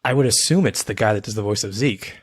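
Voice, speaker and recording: A man's voice: fairly low pitch, fast, slightly rough. A young man co-hosting a podcast, easygoing and rambling, often restarting his words. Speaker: podcast co-host. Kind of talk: casual chat.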